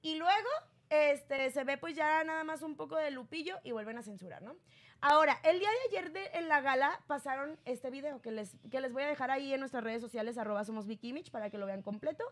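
Her tone fairly bright and her delivery fairly quick, a woman runs a casual gossip commentary show, chatting freely and raising her pitch to perform the quotes she repeats.

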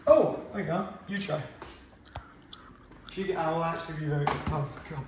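Fairly quick and a little high-voiced, this young man in his twenties chats casually with lots of fillers as he tours his modern house, moving between rooms as he talks. Background noise, echoing rooms and a somewhat distant mic mark the recording.

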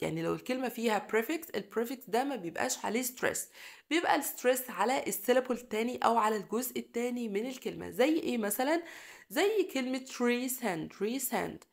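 A woman with an Egyptian Arabic accent teaching English pronunciation to children in a recorded lesson. She patiently says each example word twice and cheers her pupils on. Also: a little high. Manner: encouraging, addresses pupils fondly.

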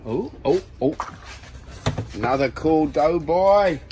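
A man's voice: fairly high pitch, slow pace, noisy background. A man sorting through a metal storage unit, casually appraising old military gear with wry remarks. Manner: lively, wry remarks while appraising items. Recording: loud clicking and rustling.

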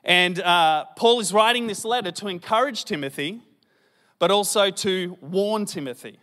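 An Australian pastor in his late thirties preaches in a relaxed, chatty way and pokes fun at himself as he goes. His voice sits high for a man. It rings out with a long hall reverb. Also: moderate pace. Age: late 30s. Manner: conversational preaching with self-deprecating humor. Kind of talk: sermon.

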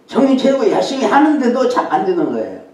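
A man's voice: very high-pitched, wildly swooping pitch, fast, darkish tone. An older man, a guest preacher, giving a sermon in a conversational way, often adding short affirming interjections. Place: church sanctuary. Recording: very echoey hall, voice from far off.

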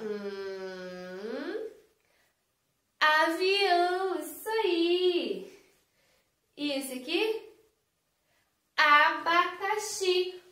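A Brazilian Portuguese-accented woman, a kindergarten teacher, gives a slow, sing-song, encouraging online lesson to young children. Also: high voice, a bit bright. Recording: very echoey room.

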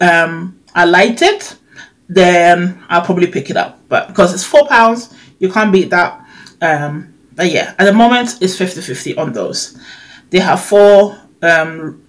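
A young woman with a lisp, as if wearing a retainer, talking casually and a little hesitantly as a beauty vlogger. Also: lowish voice. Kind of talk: casual chat, product review. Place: bedroom, indoors.

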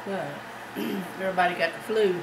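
A woman's voice: fairly low pitch, fairly even intonation, moderate pace. A middle-aged woman hosting a home video, chatting casually while eating. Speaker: video host and challenge participant. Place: indoors in a home dining room. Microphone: camera a short distance away. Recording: echoey room with clear background noise.

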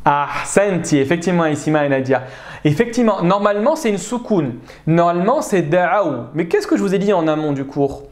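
A man's voice: high voice, fairly quick, reverberant. A man teaching an Arabic grammar class online, explaining patiently and checking in with his students often. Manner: animated, checks understanding with frequent "d'accord?".

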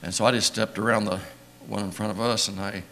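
An older church elder preaches in a homespun, storytelling way. His voice sits low and has a gravelly edge. He wanders between anecdotes, gets emotional, and laughs softly as he goes. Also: fairly even intonation, fast talker, a little hiss or hum. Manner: rambling, emotional, chuckles often. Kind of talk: folksy sermon storytelling. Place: church sanctuary.

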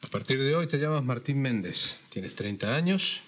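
A man's voice: mid-range voice, animated, moderate pace, very noisy, close to an everyday voice. An actor playing an older, commanding businessman in a telenovela, pressing others impatiently. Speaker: wealthy businessman and boss. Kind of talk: telenovela acting.

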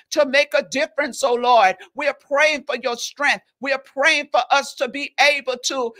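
A woman's voice: a little high, sharp tone. A woman leading a fervent group prayer, rhythmic and insistent, punctuating her phrases with repeated calls to God and rising into bold declarations. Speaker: prayer leader.

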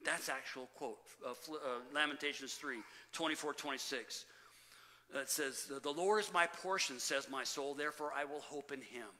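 A man's voice: a little high, sharp tone. A man preaching a sermon as pastor, speaking emphatically to his congregation and often calling them loved ones. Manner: emphatic preaching, rising and falling with pauses. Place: church sanctuary. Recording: church hall reverb.

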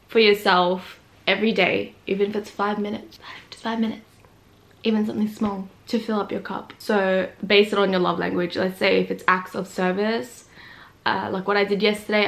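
A young woman talking casually to camera from a small bedroom, relaxed and chatty, with a laugh now and then. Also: mid-range voice, creaky. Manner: chatty, relaxed, laughs between thoughts, many "like" and "literally". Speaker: vlogger. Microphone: camera in front of her face.

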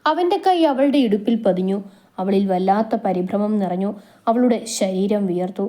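A woman narrating a romantic story in a soft, steady, intimate reading voice. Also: mid-range voice, normal speed.

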